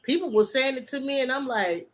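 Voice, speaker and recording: A woman's voice: high-pitched, brisk. A woman chatting casually in a colloquial, informal way. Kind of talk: casual chat.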